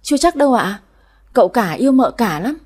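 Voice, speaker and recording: A blunt, loyal young housemaid, as a woman storyteller puts her on in an audiobook tale. She speaks high and clear-cut, with a husky tone. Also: sing-song, brisk, a little mellow.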